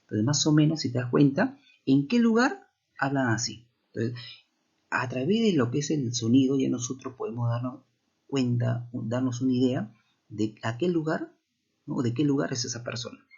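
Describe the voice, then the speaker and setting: A man's voice: medium pitch, expressive, moderate pace, vocal fry, a little mellow, slightly rough, dull audio. A man teaches a language class, explaining step by step and often checking in with rhetorical questions.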